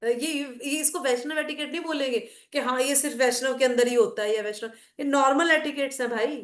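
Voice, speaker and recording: A middle-aged woman with a high-sitting voice speaks a little fast, and the sound is roomy. She teaches a devotional class conversationally in Hindi mixed with English, explaining through anecdotes and asides.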